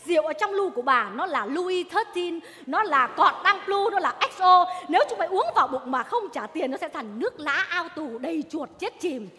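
An actress playing a feisty, foul-mouthed woman wine seller who scolds in rapid tirades in a stage comedy sketch. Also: very high voice, animated, pushed and bright, exaggerated voice. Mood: cursing tirade. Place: theater stage. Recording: reverberant stage hall.

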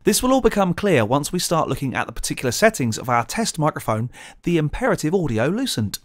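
A man presenting a scripted audio tutorial, explaining clearly and methodically into a close studio condenser mic. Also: on the high side, big pitch swings, fast. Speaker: presenter of a gear channel.

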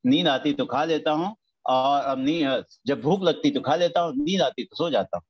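A man's voice: a little high, moderate pace, husky, muffled recording. A man playing a carefree, plain-spoken poor fakir in a told story, answering in simple blunt retorts. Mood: matter-of-fact.

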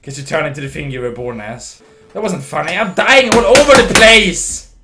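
Streaming a video game while drunk, this young Swedish man with a strong accent rambles, giggles, and slurs, often restarting words as his voice goes hoarse. He speaks at normal speed in a highish voice with lively intonation, with background noise present.

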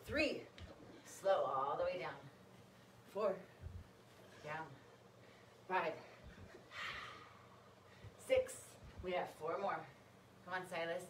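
A woman's voice: fairly low pitch, drawn-out words, long pauses. A woman leading a workout as an aerobics instructor, calling out short encouraging cues and counts while she exercises. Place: large carpeted room with high vaulted ceiling, indoors. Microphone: camera a few metres away. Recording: roomy, distant mic, clearly noisy.

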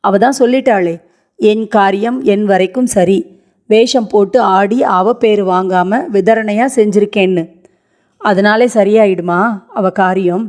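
A woman reading the lines of a hot-tempered, tradition-bound middle-aged son in a story, shouting and scornful. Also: mid-range voice, unhurried, close to an everyday voice. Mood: cutting.

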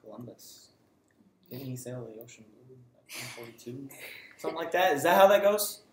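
A young man hosts a student interview show in a small indoor classroom, playfully teasing and joking with his guest and laughing often. His medium-pitched voice is expressive, fairly quick and a little mellow. A camera on the table in front picks him up, and the classroom sounds echoey with background noise.

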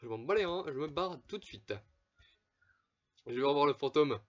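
A man's voice: a little high, lively intonation, moderate pace, highs cut off. A man casually commenting on his own gameplay, chatting to viewers with frequent swearing and laughs. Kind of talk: casual let's play commentary.

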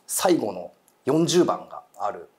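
Animated man telling a ghost story. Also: lowish voice, measured pace. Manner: animated, acts out quoted voices and eerie murmurs. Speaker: guest storyteller.

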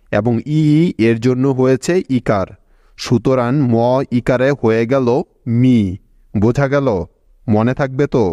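A man's voice: medium pitch, darkish tone, no room sound, studio quality. A man giving a patient, scripted spoken lesson as an English pronunciation teacher, explaining step by step and checking in with learners.

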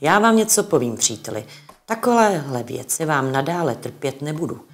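A woman voicing an old miser who has turned joyful and generous, speaking cheerfully and briskly. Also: low-pitched, animated, faint music behind. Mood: mock-stern.

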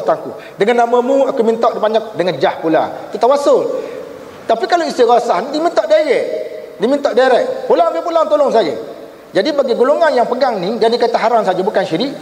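A Malaysian man giving a religious seminar lecture, telling stories with acted-out quoted voices and often addressing the audience directly. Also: high voice. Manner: animated storytelling, acts out quoted voices, addresses audience as tuan-tuan. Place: seminar hall. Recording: echoey hall, faint room noise.

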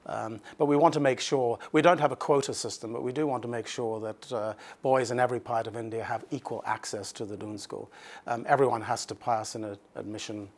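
A middle-aged man answering formally as a school headmaster in an interview, explaining in a measured way with halting restarts. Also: mid-range voice, steady tone. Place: indoor office set. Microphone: lapel.

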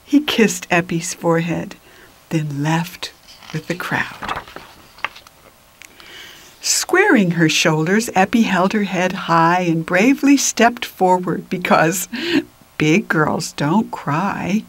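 With a lowish voice and slight background noise, an older woman reads a children's picture book aloud. She is expressive and deliberate, slipping into whispers and offering small asides to the listeners.

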